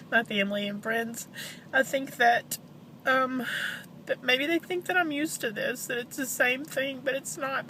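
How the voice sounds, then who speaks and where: A woman speaking in a halting, downcast, grieving way, as in a personal confessional vlog. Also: fairly high pitch, pushed and bright, slight background noise, rough recording. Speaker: vlogger, bereaved mother.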